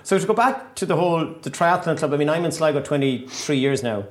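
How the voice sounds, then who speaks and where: A man hosts a chatty interview podcast. He talks very quickly, and his voice is pitched a bit above the usual for men. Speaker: podcast host.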